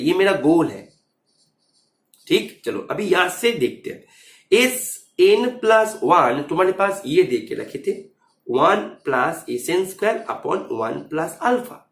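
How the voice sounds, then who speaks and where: A man's voice: high voice, big pitch swings, slow, a bit bright, roomy sound. A man teaching math, explaining an exam solution step by step and often checking if students follow, mixing English terms into his Hindi.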